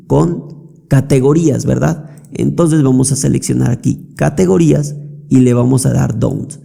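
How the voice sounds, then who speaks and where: A man walking through a software tutorial step by step, checking in often with quick questions to the viewer. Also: on the high side, vocal fry. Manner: explanatory, frequent check-ins like "¿ok?" and "¿listo?". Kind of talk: screen-recorded software tutorial.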